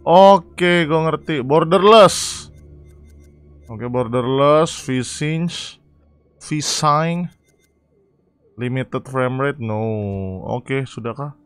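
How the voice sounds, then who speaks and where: A young man casually commentating a horror game live, chatty and excitable, reading chat and yelling at scares. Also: fairly high pitch, very slow, long pauses, clear, resonant tone, soft background music. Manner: excitable, chatty, reacts loudly to scares and reads chat aloud. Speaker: gaming streamer.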